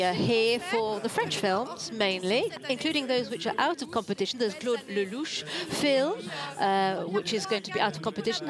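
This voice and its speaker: A woman giving a simultaneous English interpretation of live red-carpet television, in halting phrases with hesitations. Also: a little high.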